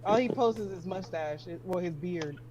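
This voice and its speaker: A woman's voice: lowish voice, normal speed, a loud crowd. A young woman chatting casually on a podcast, giggly and friendly. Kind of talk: casual group chat.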